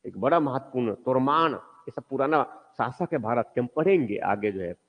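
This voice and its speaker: A male teacher giving a history lecture in a classroom, asking the class questions and answering them himself, often repeating key words slowly for stress. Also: mid-range voice, animated, in a large hall, highs cut off.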